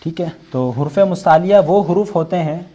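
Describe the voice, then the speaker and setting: A man with a Pakistani Urdu accent teaching an online Quran recitation class, patiently explaining and slowly sounding out letters as examples. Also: on the high side, mellow. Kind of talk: online tajweed lesson.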